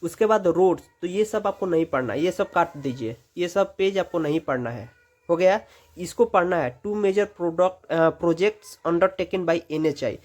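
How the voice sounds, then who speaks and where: A male teacher giving a brisk exam-prep lesson in Hindi, repeating short instructions as he goes page by page. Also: high voice, darkish tone.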